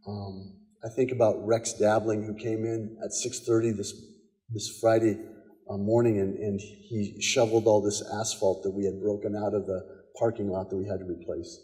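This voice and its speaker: An American pastor with a lowish voice and warm tone delivers a conversational sermon in a church sanctuary, telling stories with quoted dialogue and repeating himself often. The recording carries a long church-hall reverb.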